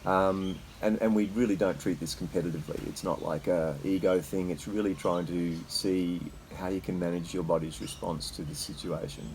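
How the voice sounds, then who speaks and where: An Australian man talking casually and haltingly as host, with a slight cold shiver in his voice as he sits in icy water. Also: low-pitched, fairly even intonation, a little mellow, a little hiss or hum, rough recording. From Queensland, Australia. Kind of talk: casual unscripted talk. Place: sitting in a freezer full of icy water.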